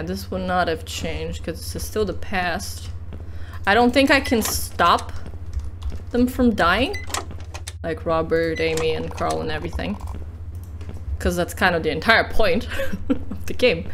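Tired, slow-talking woman gamer. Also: lowish voice, sharp tone, a little hiss or hum. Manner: rambling, swears casually, laughs often. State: tired, yawning. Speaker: let's play gamer. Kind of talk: casual gameplay commentary.

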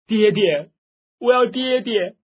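Male narrator as a young girl, tearful and shrill, lo-fi phone-quality audio. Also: slow, breathy edge, heavily acted. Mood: wailing. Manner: high-pitched wailing sobs. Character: weeping young girl calling for her father.

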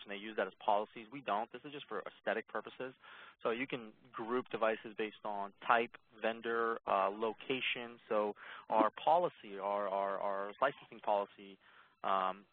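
A man walking listeners through a software demo in a webinar, speaking in a monotone with plenty of ums and uhs. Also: lowish voice. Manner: monotone, self-described; relaxed, many ums and uhs. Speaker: product presenter. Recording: tinny phone-line audio.

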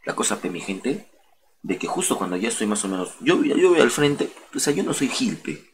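A man's voice: mid-range voice, very animated, fairly quick, slight background noise. A young man with a Peruvian accent, a streamer telling a story in casual, slang-heavy street talk full of swearing. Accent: Peruvian Spanish.

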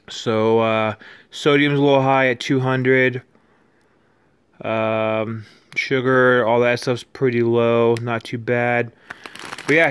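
A man giving a casual, off-the-cuff snack review, hesitant, with many ums and pauses. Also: medium pitch, fairly bright tone, smooth. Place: living room indoors, by a couch.

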